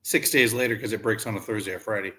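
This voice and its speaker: A man's voice: fairly low pitch, fairly even intonation, fast talker, pushed and bright. A man co-hosting a sports podcast, loose and chatty with the guest. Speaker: podcast co-host. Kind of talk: casual podcast sports chat.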